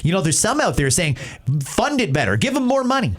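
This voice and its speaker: With a high voice, huge pitch swings and a brisk pace, a Canadian-accented male talk show host tackles listener messages. He gives opinionated, emphatic, plain-spoken takes in a conversational style.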